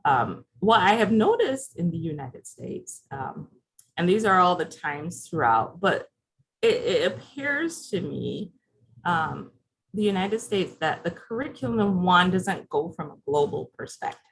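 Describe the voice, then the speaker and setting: A woman gives a presentation over a video call, her pitch sitting fairly low. Her intonation is very lively and rises and falls a lot. She speaks conversationally and keeps checking in with her listeners. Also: unhurried, gravelly, poor audio. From Barbados. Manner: conversational, asks the audience questions. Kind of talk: interactive presentation.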